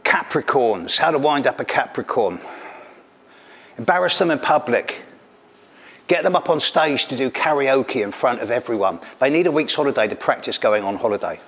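A middle-aged Englishman, a stand-up astrologer, works the stage of an event hall with a handheld mic, delivering a caustic, teasing routine in punchy bursts. His medium-pitched voice is expressive and fairly bright, moving at a normal speed.

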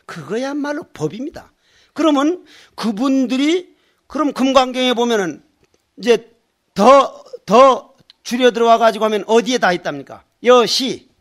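A man's voice: very high voice, lively intonation, a little slow. An older male Buddhist monk giving a dharma talk, telling folksy stories, acting out dialogue and repeating words for emphasis. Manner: folksy storytelling, acts out dialect voices, emphatic repetition. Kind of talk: sermon.

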